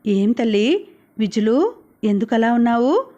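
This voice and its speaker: A woman voicing a caring young mother in an audiobook, speaking softly and tenderly, with worry underneath. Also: a little high, sing-song, a little slow, dull audio. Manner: soft, tender and coaxing.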